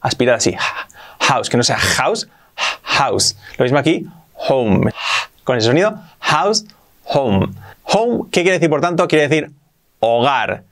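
A Spanish-accented man from Spain runs a relaxed English lesson, his mid-pitched voice carrying a gravelly edge. He says example phrases slowly, repeats them, and acts out short everyday exchanges. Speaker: English teacher. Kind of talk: casual language lesson.

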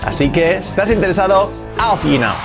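A man, hosting a podcast as an English teacher in a casual lesson, who drills words by slow repetition and adds chatty asides. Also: high voice, expressive, over music.

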